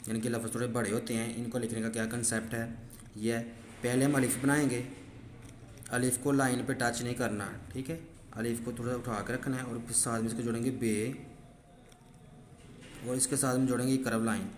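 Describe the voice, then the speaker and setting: A man gives a calm, patient handwriting lesson, walking through each stroke in turn and checking in often. His voice sits at an ordinary middle pitch. It rings in a roomy space with a long tail and a faint hiss behind it. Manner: patient, step-by-step, repeats "ठीक है". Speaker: teacher. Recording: echoey room with faint background noise.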